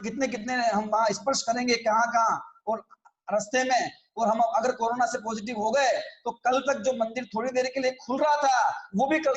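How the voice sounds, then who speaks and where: Very high-voiced man teaching scripture. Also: reverberant. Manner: conversational, keeps checking in with listeners. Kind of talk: explanatory religious class.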